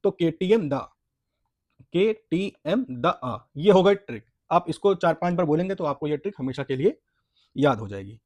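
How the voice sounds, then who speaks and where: A man gives an exam-prep lesson in a slightly high voice, sounding out syllables one at a time. He keeps asking his own questions and answering them. The recording is dry and close. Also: expressive, darkish tone, no room sound. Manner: repeats points, asks and answers own questions, says "friends" often; spells out syllables slowly for practice. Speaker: teacher.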